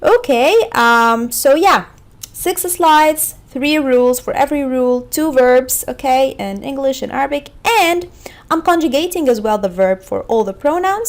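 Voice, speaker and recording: Female language tutor, higher register, highly varied melody, instructional video delivery with repeated examples. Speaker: language teacher. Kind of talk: explanatory video lesson.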